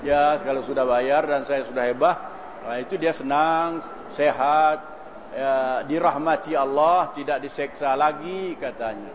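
A man preaches in a slightly raised voice and weaves lively stories into his sermon. He clears his throat now and then. The recording is dull and lo-fi, with a faint hiss underneath. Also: fairly high pitch, measured pace. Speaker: religious preacher. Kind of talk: storytelling sermon.

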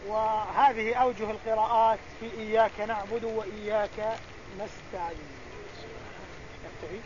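A man with a strikingly high voice leads a classroom Quran lesson. He explains readings and fires questions at his students. The recording is dull and muffled, with a faint hiss of background noise. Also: fairly even intonation, normal speed. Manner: explains and quizzes students directly. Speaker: religious teacher.

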